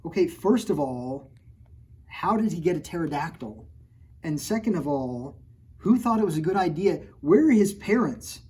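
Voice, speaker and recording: A man uses a fairly high voice with big pitch swings, a darkish tone and a breathy edge, speaking at normal speed. He's reading his own picture book at storytime and tossing playful asides straight to the kids, joking around and acting mock-outraged at his own story.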